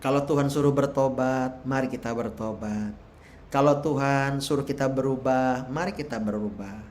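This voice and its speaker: A man preaching a sermon at a church service, slow and humorous, leading into prayer. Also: mid-range voice, a little mellow, a little hiss or hum. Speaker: pastor. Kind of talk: sermon with prayer and worship singing.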